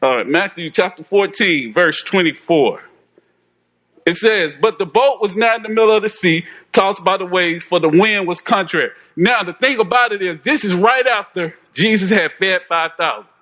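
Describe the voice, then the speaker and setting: Man, informal sermon, high voice, bright tone, folksy, repeats himself. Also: normal speed, rough recording. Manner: conversational, folksy, repeats phrases, chuckles. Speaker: preacher.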